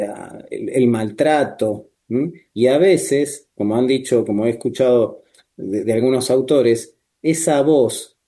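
A man working as a therapist, explaining calmly and measuredly with frequent tag questions. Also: mid-range voice. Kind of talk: calm explanatory talk.

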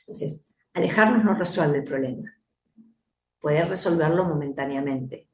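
A woman's voice: low voice, moderate pace, slight background noise. Reflective Argentine woman host, echoey room. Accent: Argentine Spanish. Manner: reflective, teacherly, often checks in with listeners. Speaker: host and teacher of a self-help method. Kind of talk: advice program talk to listeners.

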